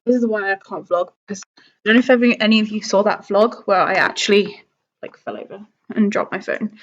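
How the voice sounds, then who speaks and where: Talking a little fast, a woman with a mid-range voice hosts a live stream with loose, rambling chat for her viewers. She thinks aloud and keeps changing her mind, all in lo-fi sound.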